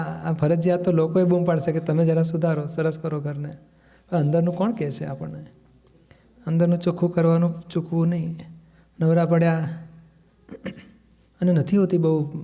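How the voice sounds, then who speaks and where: A Gujarati-accented man gives a spiritual discourse in an easy, conversational way. His voice sits fairly high for a man but sounds warm and mellow. Now and then he acts out family quarrels in quoted voices. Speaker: spiritual teacher.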